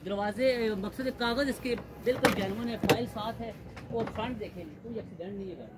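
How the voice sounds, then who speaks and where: A man, walking a used-car lot and pitching cars in a steady, repetitive salesman patter. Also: quick pace. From Pakistan. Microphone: handheld phone camera. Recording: noisy outdoor lot.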